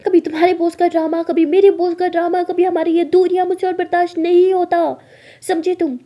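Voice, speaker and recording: A woman voicing a young woman who shouts accusations at her partner out of hurt and exhaustion. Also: sits high, steady tone, fairly quick, husky, highs cut off. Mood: furious shouting.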